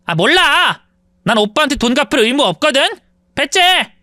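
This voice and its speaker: A spoiled young sister-in-law with a high, piercing voice, as a reader puts her on. She snaps back defiantly and mocks. The audio is dry and close. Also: sing-song, normal speed, bright, forceful tone, dry recording, exaggerated voice. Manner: shrill, defiant, taunting.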